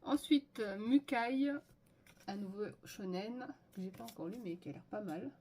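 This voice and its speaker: A woman's voice: medium pitch, expressive, normal speed, darkish tone, a little hiss or hum. A woman chatting casually and enthusiastically as she lists purchases in a haul video, with frequent fillers. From France. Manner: enthusiastic, listing items with many fillers. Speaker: manga haul vlogger.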